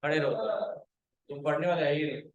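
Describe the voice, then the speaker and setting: A man's voice: fairly high pitch, level tone, a little fast, roomy sound, highs cut off. A male computer teacher giving a classroom lecture, quizzing his students, calling them to stand and scolding those who have not understood.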